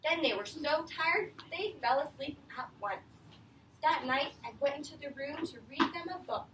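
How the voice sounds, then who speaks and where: A high-pitched, animated, bright and forceful female voice reads aloud at normal speed to young children. She's their elementary school teacher, explaining simply and often quizzing them with questions. The echoey classroom is captured by a distant mic with faint noise.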